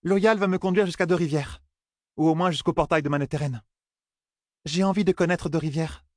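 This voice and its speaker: A proud young woman who never gives ground, voiced by a man reading the story. The voice sits high and sharp-edged, pitiless in its demands. The sound is dry and close, like a storybook read into a mic. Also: brisk, no echo, natural voice. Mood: insistent. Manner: stubborn, cutting, defiant.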